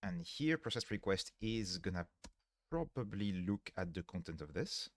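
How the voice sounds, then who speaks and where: A man's voice: fairly low pitch, sing-song, no echo. Tired-sounding man streaming on a headset mic. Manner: explains step by step, pausing and correcting himself mid-sentence. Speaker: livestreaming programmer. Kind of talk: thinking aloud while coding on a live stream. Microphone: livestream headset mic.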